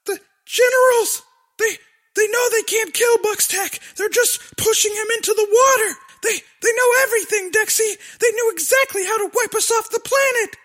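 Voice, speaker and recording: A man voicing a small female shapeshifting monster, a frightened sister who stammers and rushes her words. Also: very high voice, voice pushed up. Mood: panicked. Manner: stammering, panicked.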